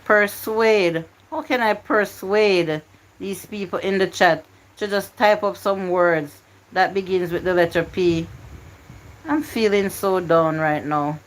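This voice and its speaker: A woman runs a word game on her live stream, speaking slowly in a medium-pitched voice as she coaxes and pleads with viewers to type their answers. The low-quality recording carries slight background noise.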